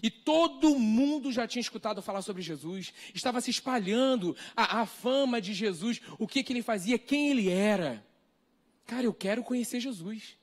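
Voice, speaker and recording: A man with a Brazilian accent preaching a sermon, earnest and full of repeated rhetorical questions. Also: very high-pitched. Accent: Brazilian Portuguese. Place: church hall, live stream.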